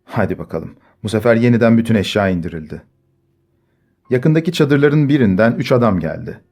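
A man reading a story aloud in measured scripted narration. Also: on the low side, animated, darkish tone. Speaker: audiobook narrator. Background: faint music.

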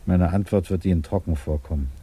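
Playing a polite, formal British government investigator in a 1950s German radio drama, a man probes deliberately and patiently. His voice sits low and is warm and husky, with a calm, earnest mood.

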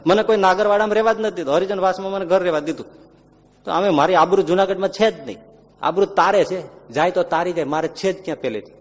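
A man giving a devotional sermon, telling stories animatedly and acting out the characters' lines with sudden loud and hushed swings. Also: sits high, fast talker. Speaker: religious storyteller. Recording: long hall reverb.

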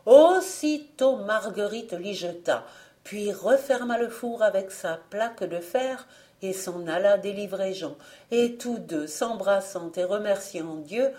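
A woman reading a fairy tale aloud as an audiobook narrator, slow and expressive. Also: mid-range voice. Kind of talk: storybook reading.

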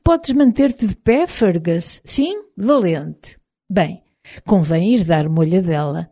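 A woman reading a calm Highland leader. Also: takes it slowly, heavily acted. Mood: calm, wry. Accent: European Portuguese. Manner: quiet, even-tempered, lightly wry. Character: calm, commanding Highland man, smuggler leader. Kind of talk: audiobook character voice.

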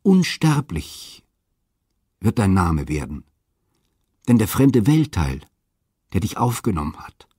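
A man reading aloud and voicing a serene goddess of love in a soothing, measured way. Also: low-pitched, big pitch swings, dark tone, husky, dry recording, studio quality, full character voice.

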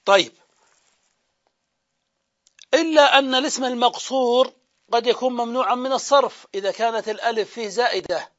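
High-voiced man lecturing on grammar, lo-fi. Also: fairly bright tone. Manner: explains step by step, asks and answers his own questions; drawn-out repetition of example words. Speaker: Arabic grammar teacher. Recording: dull lo-fi lecture recording.

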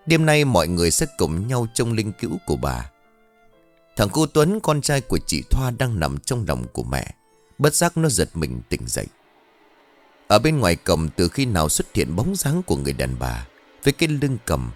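A man narrating a ghost story in a dramatic, expressive storytelling style. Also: deep voice, moderate pace, soft background music.

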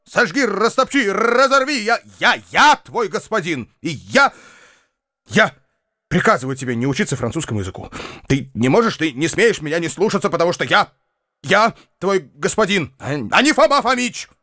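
A man voicing an excitable middle-aged landowner uncle, a former hussar, soft-hearted and prone to declaiming and shouting. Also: on the high side, normal speed, dry recording, studio quality, voice pushed up. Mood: agitated. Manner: agitated, declamatory, rising to shouts. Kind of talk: audiobook character reading.

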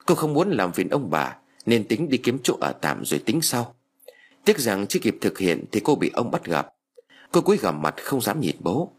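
A man narrating an audiobook story with expressive storytelling. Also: on the low side, moderate pace, slightly rough.

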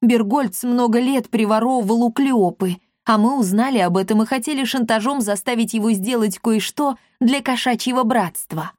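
Brief: sly storybook tomcat, panicky and quick, a woman doing the voice, in a dry close sound. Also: on the high side, a little mellow, dry recording, pitched above the performer's own voice, natural voice. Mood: confiding. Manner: pleading and fast when scared. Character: talking male cat, frightened, sly schemer.

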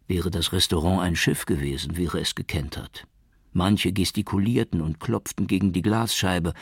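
A man reading an audiobook with steady, measured narration. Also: low-pitched, husky, dry recording, studio quality. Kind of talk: scripted narration.

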